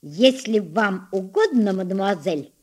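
A woman voicing a poor, shy but proud teenage boy with a hoarse, timid voice. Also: mid-range voice, expressive, a little slow. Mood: restrained. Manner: quiet, restrained, polite.

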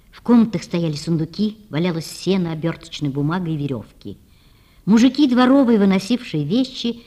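A woman reading a classic novel aloud as narrator, in a measured, expressive storytelling manner. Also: mid-range voice.

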